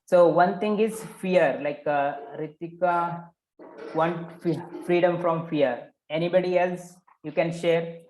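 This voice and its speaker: A man's voice: fairly high pitch, slow pace, darkish tone. A man leading a live online coaching session, probing participants and repeating their answers back to them. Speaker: workshop coach. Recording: roomy echo.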